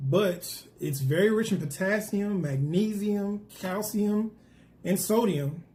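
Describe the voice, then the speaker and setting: A man co-hosting a casual food talk, going through facts in a relaxed, joking way. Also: fairly high pitch. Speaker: co-host.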